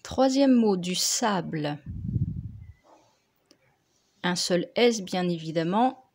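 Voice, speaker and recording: A woman teacher, slowly dictating and correcting spelling words for young pupils, articulating each word carefully. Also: fairly low pitch, lively intonation, creaky, darkish tone. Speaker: primary school teacher.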